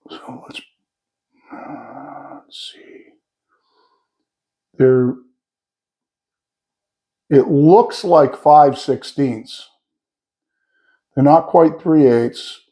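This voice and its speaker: Mellow-voiced guy walking through his shop setup, plain talk, lots of uhs. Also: on the high side, animated, drawn-out words, long pauses. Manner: plain-spoken, explains step by step with fillers. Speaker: sawmill owner showing his setup. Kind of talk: casual workshop demo. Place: workshop. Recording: echoey, mics off.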